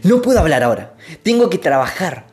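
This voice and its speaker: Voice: medium pitch, very animated, a little fast, darkish tone, soft background music, pitched above the performer's own voice, close to an everyday voice. A storyteller voicing a driven, busy brother stacking stones, curt and preoccupied.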